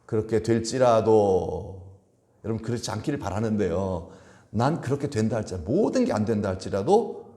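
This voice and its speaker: A male pastor with a lowish, mellow voice preaches a sermon in a sing-song cadence at a moderate pace. He asks the congregation frequent questions. He also acts out quoted complaints in a raised voice.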